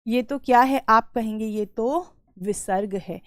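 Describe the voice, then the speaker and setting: A young adult woman teaching a lesson, slowly repeating key words and putting questions to her students. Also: on the high side, no echo, clean studio sound. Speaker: Hindi teacher. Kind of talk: exam-prep lesson.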